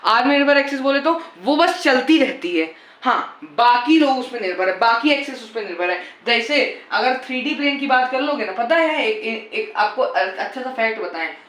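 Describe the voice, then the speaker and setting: A man's voice: extremely high pitch, pushed and bright, echoey room. A man teaching physics in a casual lecture style. He repeats key points and coaxes and teases his students as he goes. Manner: repetitive, coaxing, teasing the students.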